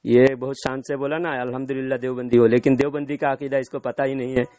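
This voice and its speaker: A man's voice: medium pitch, little pitch movement, dark tone, no room sound. Guy arguing on a call, keeps repeating himself, dry sound. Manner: insistent, repeats himself, pressing. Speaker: debating cleric. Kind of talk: heated phone debate. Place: in front of an audience.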